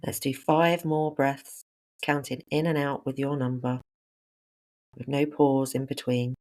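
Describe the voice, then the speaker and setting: An instructor leading a guided breathing meditation, speaking calmly in short, unhurried phrases. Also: medium pitch.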